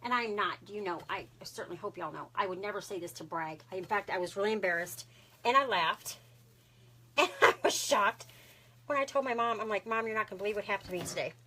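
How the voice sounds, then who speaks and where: A woman with a Texan accent hosting a craft livestream from her home, chatting casually with viewers, bubbly and quick to laugh. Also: mid-range voice, sharp tone, slight background noise. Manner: chatty and bubbly, saying y'all often and laughing a lot. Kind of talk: casual live-stream chat with viewers.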